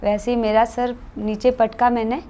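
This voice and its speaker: A woman with a fairly high, warm, clean-toned voice tells an interviewer about something that really happened to her. She speaks at normal speed with a flat delivery, earnest and matter-of-fact, as a guest storyteller in a relaxed chat.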